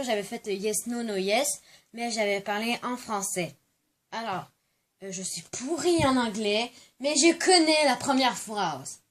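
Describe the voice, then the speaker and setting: A woman chatting casually to camera as a vlogger, hesitant with many fillers. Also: on the high side.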